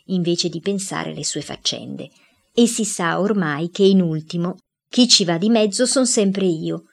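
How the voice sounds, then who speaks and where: A woman narrating a children's diary story aloud with a measured, expressive reading. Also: fairly low pitch.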